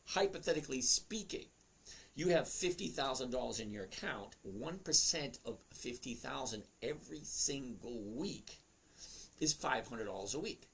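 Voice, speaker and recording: Husky chatty man in his sixties. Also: mid-range voice. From Boston area. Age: 60s. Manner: chatty, jokey, talks straight to viewers by name. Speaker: trading livestream host. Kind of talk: casual livestream chat reading viewer comments.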